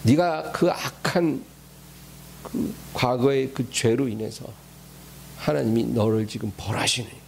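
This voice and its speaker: A pastor puts on a deranged old man who spits curses with slow, gloating mockery. The voice carries a gravelly rasp. It has the faint hiss of a plain church recording. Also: medium pitch, a little mellow. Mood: taunting. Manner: mocking, drawn-out taunting. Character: mad old man hurling gleeful curses.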